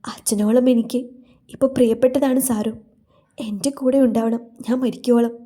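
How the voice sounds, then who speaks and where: A devoted young heroine from a storybook romance speaks softly and emotionally, voiced by a woman storyteller. The voice stays warm and mellow, close to the narrator's own. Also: a little high, steady tone, moderate pace, close to an everyday voice. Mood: tearful.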